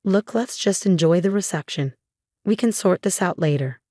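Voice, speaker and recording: A woman voicing an evasive young husband who keeps trying to calm things down, in a storybook narration. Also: on the low side, normal speed, no room sound, studio quality. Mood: placating. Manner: placating, uneasy.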